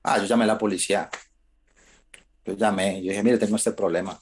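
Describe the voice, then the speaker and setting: A man's voice: lowish voice, a little fast, husky. Man, interview guest, casual storyteller who acts out dialogue. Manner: animated, acts out quoted dialogue in shifted voices.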